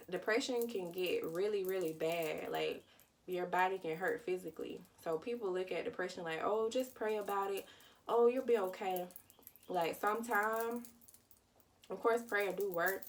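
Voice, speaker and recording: A young woman vlogger, telling a personal story in a candid, casual way with dark humor. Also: on the low side, vocal fry, distant mic.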